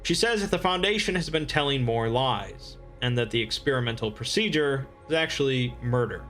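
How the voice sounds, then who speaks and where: A man reading scripted explainer narration in a measured, expository manner. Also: medium pitch, expressive, fairly bright tone, faint music behind.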